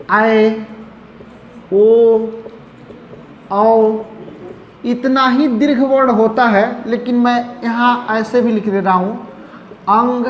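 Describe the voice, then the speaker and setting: A male teacher giving a classroom lecture, asking questions and answering them himself, and repeating definitions slowly as he writes. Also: high-pitched, highs cut off. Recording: echoey room with faint noise.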